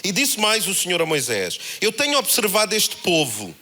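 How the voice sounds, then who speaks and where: A man with a European Portuguese accent preaching a sermon, in a conversational, animated way that acts out the voices he quotes. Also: high-pitched, normal speed. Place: church held in a cinema.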